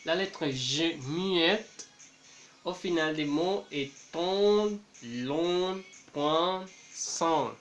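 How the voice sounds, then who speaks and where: Male language tutor, unhurried and deliberate, explains and repeats words for practice. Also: a little high, a bit bright, faint music behind. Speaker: French teacher. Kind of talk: bilingual language lesson.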